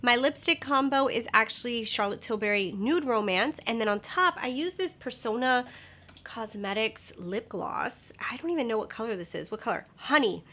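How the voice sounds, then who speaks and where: With lively intonation, a fairly high pitch and a moderate pace, a young beauty vlogger talks casually through her makeup tutorial. Her voice is slightly nasal, upbeat, and occasionally hushed to a soft whisper.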